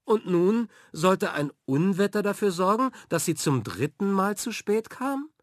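Brief: a male audiobook narrator for a children's story, expressive and measured, with plenty of melodic movement. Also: sits high, no echo, studio quality.

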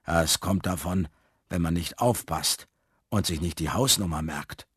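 A man voicing a stout, resigned homeless man in a storybook reading, speaking slowly, low and wearily. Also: no echo, clean studio sound. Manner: slow, low and weary.

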